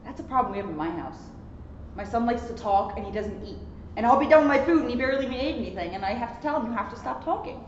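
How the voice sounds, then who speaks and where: In a borough hall's indoor lounge, a police officer, a young adult woman, gives an expressive reading of a children's book, adding talkative side comments. Her fairly high voice is animated and quick. The audio has a reverberant echo, sounds muffled, and carries some noise.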